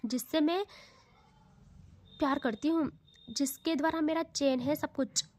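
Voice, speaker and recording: A woman voicing a devoted, affectionate young woman in an audio love story, gentle and sincere. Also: sits high, unhurried. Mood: loving.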